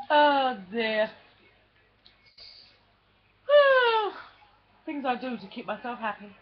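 A woman's voice: on the high side, moderate pace, few pauses. A woman chatting casually at home and cooing fondly at her pets. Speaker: pet owner filming at home. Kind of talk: casual home video chat. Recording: dull lo-fi home video.

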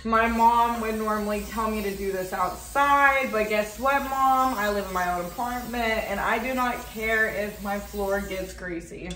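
Chatty young woman, slow, echoey kitchen. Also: medium pitch. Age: young adult. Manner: chatty, excitable, says "like" and "oh my God" a lot. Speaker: cooking vlogger. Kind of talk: casual cooking tutorial. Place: small apartment kitchen. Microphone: camera mic from across the room. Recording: echoey room, faint noise.

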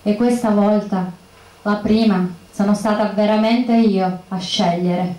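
An actress playing a woman who escaped the mafia and lives under witness protection, in a measured, emotional stage monologue. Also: medium pitch, fairly even intonation, mellow, lightly acted. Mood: resolute. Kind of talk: theatrical monologue. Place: bookshop stage. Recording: echoey room.

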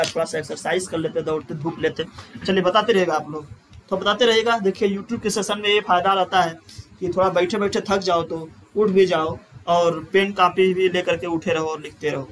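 Male online tutor, high-pitched, joking asides to viewers, stretches vowels when chanting. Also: fairly even intonation, brisk, a bit bright, slight background noise. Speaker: teacher. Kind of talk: live online Sanskrit grammar class.

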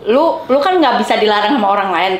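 A woman vlog host chatting casually in slangy talk, teasing and lively. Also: medium pitch, quick pace. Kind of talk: casual chat. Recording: echoey room with faint noise.

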